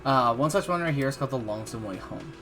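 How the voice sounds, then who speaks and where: A man's voice: medium pitch, animated, fast, a bit bright. Loose, swearing male game streamer. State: drinking. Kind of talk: casual live gameplay commentary. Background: game music.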